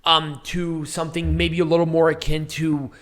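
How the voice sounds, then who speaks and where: A man hosting a casual wrestling review show, hoarse and froggy with squeaky breaks after losing his voice on a night out, blunt and self-mocking. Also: monotone, normal speed, fairly bright tone. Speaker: wrestling review podcast host. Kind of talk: casual chat and match commentary.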